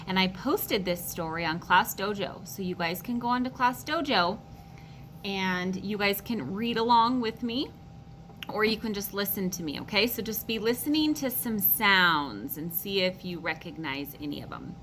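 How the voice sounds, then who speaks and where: A woman teaching a phonics lesson to young children, slowly sounding out words and encouraging them. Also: mid-range voice, animated, fairly bright tone, slight background noise, rough recording.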